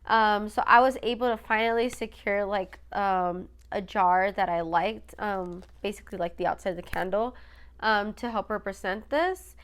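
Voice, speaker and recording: A young woman hosts a solo podcast in a casual, rambling style, packed with fillers and "you guys," her nose stuffy from allergies. Her mid-range voice moves at normal speed and sounds clean and a bit bright.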